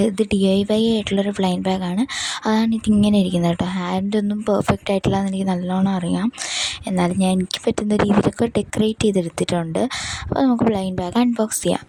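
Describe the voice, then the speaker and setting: A woman's voice: mid-range voice, fairly even intonation, fast talker, dark tone, husky. A woman, chatting through a craft unboxing at home with the window open and traffic outside. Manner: chatty, explains each step, frequent fillers. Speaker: vlogger. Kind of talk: casual unboxing vlog narration.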